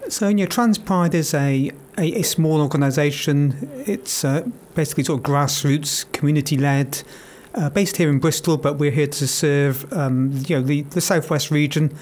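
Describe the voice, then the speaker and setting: A man's voice: a little high, normal speed, a little mellow, slight background noise. A man being interviewed as an event organiser in a radio studio, answering steadily with frequent "you know" fillers.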